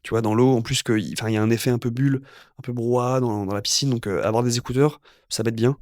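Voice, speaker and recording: A man's voice: mid-range voice, fairly even intonation, fast talker, a little mellow, no echo, clean studio sound. A young man, a guest physiotherapist, chatting casually on a podcast and rambling with lots of fillers and restarts. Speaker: guest, physiotherapist and amateur triathlete.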